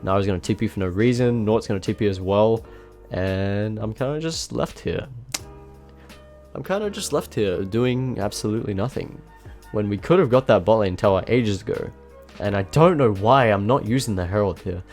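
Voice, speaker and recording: A man with a fairly low voice, slightly nasal from a stuffed-up nose, narrates his own match at a normal speed. He's relaxed and self-mocking, with plenty of fillers, while faint music plays in the background.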